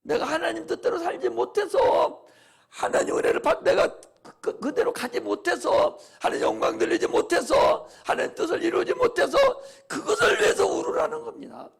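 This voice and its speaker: A male pastor preaching an impassioned sermon, moving from loud exhortation to hushed asides in a repetitive preaching cadence. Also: extremely high pitch, big pitch swings, moderate pace, vocal fry.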